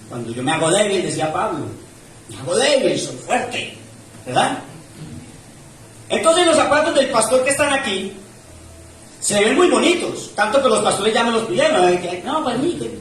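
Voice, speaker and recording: A man's voice: sits high, fairly bright tone, a little hiss or hum. A man preaching a sermon as a pastor, his emphasis rising and falling as he reads scripture aloud. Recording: echoey church room from far off.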